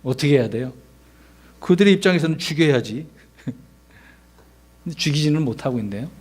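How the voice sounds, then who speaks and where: A man's voice: fairly high pitch, animated, normal speed, darkish tone, husky. A man, a pastor, preaching a sermon in a conversational way, asking his congregation rhetorical questions and acting out the lines he quotes.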